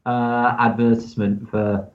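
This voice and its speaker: A man's voice: mid-range voice, little pitch movement, measured pace. A man chatting easily with friends on a podcast, rambling with fillers. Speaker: podcast co-host. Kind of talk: casual chat among friends. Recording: slightly dull, lo-fi sound.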